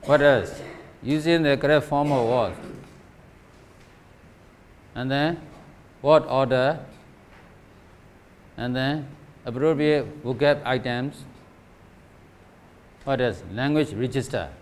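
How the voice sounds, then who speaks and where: A man from Myanmar leads a training session for teachers, speaking slowly and deliberately at a middling pitch. He keeps asking rhetorical questions and tags his points with "right?" and "okay?". Faint background noise sits under the recording.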